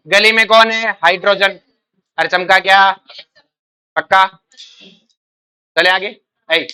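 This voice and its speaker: A man with a high, pushed, bright, and smooth voice teaches chemistry to exam students. He quizzes them rapidly, calls them "beta," and repeats their answers back in a call-and-response coaching lecture.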